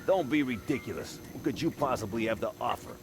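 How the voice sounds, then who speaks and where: A man acting a dim, self-important small-time crook in a comic adventure game. His pitch swings widely as he boasts with childish literalness. A little noise sits behind him. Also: lively intonation, brisk, close to an everyday voice. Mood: scornful. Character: dim-witted, self-important male petty thug. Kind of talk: animated adventure game dialogue.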